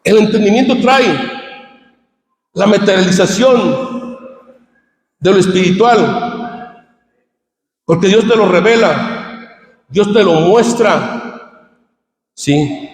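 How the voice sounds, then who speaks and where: A man preaching a fervent sermon as pastor, swinging between shouted climaxes and quiet asides. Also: high-pitched, slow pace, pauses often. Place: church hall. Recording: echoey church hall.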